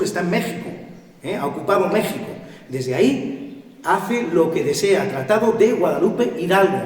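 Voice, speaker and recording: A man's voice: on the high side, darkish tone, far from the mic. Emphatic man lecturing in an echoey hall. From Spain. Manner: emphatic, rhetorical questions to the audience. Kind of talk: public lecture to an audience. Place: cultural center hall.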